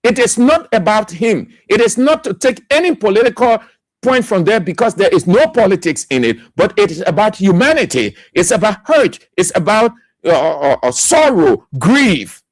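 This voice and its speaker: A man's voice: high-pitched, very animated, moderate pace, dry recording. A Liberian man hosting a radio talk show, giving emphatic political commentary and repeating key words for stress.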